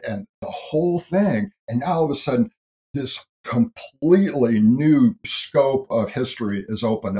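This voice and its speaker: A medium-pitched man with a dark tone talks as an interview guest about history and ancestry, earnestly and thoughtfully unpacking big ideas with small restarts. The recording is rough.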